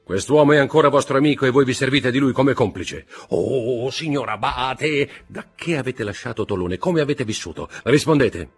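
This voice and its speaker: Italian man playing a stern disguised count, commanding, accusing, husky, lively pitch, audiobook reading. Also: normal speed, hardly any pauses, faint music behind. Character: stern, cold nobleman disguised as a priest.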